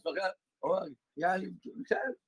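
A man with an Egyptian accent teaching a religious lesson, animated and teasing his students, switching between colloquial and formal Arabic. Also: high voice, fairly quick, vocal fry.

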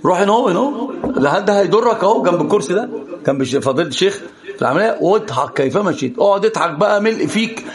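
Fast animated religious teacher. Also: male voice, sits high. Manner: animated, teasing, often laughing. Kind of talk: religious lesson to students. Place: lesson hall with students.

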